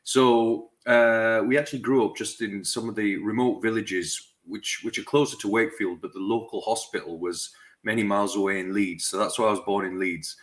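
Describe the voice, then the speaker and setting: A man, a dentist telling his life story as a podcast guest in an unhurried, reflective way. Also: fairly low pitch, fairly even intonation. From West Yorkshire, England. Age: 40s. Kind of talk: reflective conversational interview.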